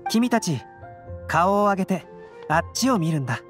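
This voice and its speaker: Calm, composed young mentor. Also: male voice, sits high, moderate pace. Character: calm, composed young male master alchemist. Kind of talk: anime game voice acting. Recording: music under the voice.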